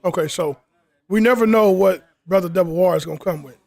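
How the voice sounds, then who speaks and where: A man's voice: sits high, fairly quick, creaky, a little mellow, dry recording. A man hosting a casual outdoor podcast interview, who keeps tossing in "you know what I'm saying" as he talks. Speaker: interviewer and group leader. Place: outdoors in the cold.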